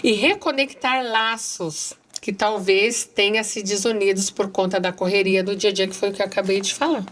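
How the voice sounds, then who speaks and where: A woman's voice: medium pitch, steady tone, moderate pace, fairly bright tone. A middle-aged woman with a Brazilian accent, speaking earnestly as a guest, reading passages aloud and addressing listeners directly.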